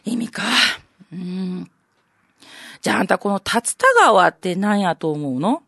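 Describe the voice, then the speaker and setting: A woman's voice: lowish voice, expressive, a little slow, vocal fry, fairly bright tone, no echo, pitched below the performer's own voice, full character voice. Brief: bluffing Kansai elder in rakugo, played by a woman, condescending storyteller, close and dry. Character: know-it-all older Kansai man bluffing an explanation.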